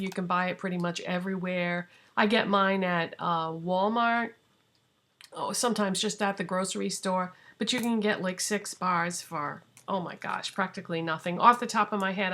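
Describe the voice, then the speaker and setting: A woman's voice: mid-range voice, fairly bright tone. A woman vlogger talking casually through a beauty tutorial, chatty and rambling with asides.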